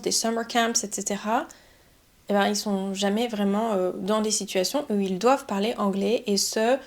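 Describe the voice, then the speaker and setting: A young adult woman from France, a French teacher calmly explaining step by step in a podcast. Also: mid-range voice. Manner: calm, methodical explaining, building points step by step.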